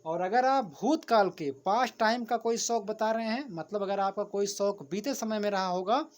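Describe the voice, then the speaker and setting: A man's voice: high-pitched, moderate pace. A man teaching a grammar lesson, patiently repeating each point and often addressing his viewers as friends while writing on a board. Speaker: English teacher.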